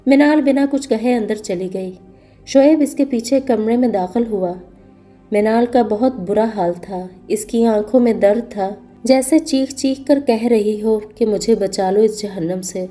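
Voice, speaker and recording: A woman narrating a scripted story in a steady, earnest storytelling manner. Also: fairly high pitch, soft background music.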